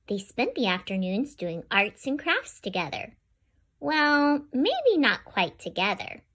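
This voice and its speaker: Speaking slowly in a higher voice, a woman host shares a picture book with children, reading it aloud with animation and addressing her young audience directly.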